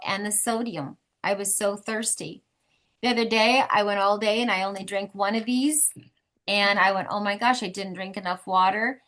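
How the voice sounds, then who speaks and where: Over a video call, a woman running a weekly support group chats warmly and encourages members while instructing them. She speaks at medium pitch in a pushed, bright voice.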